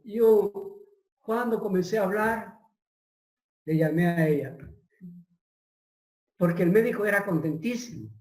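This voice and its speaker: A middle-aged man telling a personal testimony as an interview guest, halting and searching for his words. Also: sits high, animated, a little mellow. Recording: roomy echo.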